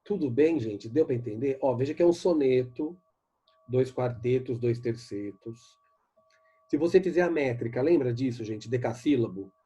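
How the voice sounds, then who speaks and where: Man, Brazilian Portuguese accent, literature teacher, warm husky voice, explains and questions students. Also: medium pitch, highs cut off, faint music behind. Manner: explains and asks students questions, reads poems slowly. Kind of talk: recorded online class lesson.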